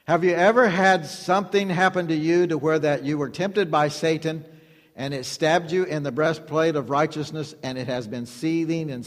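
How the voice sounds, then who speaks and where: A male preacher with a higher-pitched voice delivers a sermon in an emphatic, repetitive style with call-and-response. The recording carries a long hall echo.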